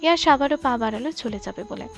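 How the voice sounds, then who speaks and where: Woman, high voice, scripted narration, soft steady storytelling, faint music behind. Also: quick pace, vocal fry.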